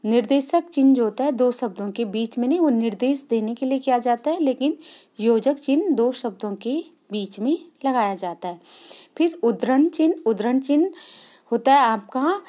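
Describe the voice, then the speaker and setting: A woman's voice: fairly high pitch, expressive, normal speed, warm tone. A woman teacher giving a grammar lesson, explaining step by step and repeating the key points. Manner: explains step by step, repeats key points, asks and answers her own questions.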